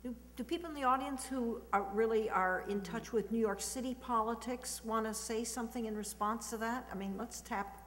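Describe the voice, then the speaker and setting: A woman's voice: on the high side, brisk, hardly any pauses, fairly bright tone. A woman moderating the forum, encouraging the audience to respond. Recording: distant voice in a reverberant hall, faint noise.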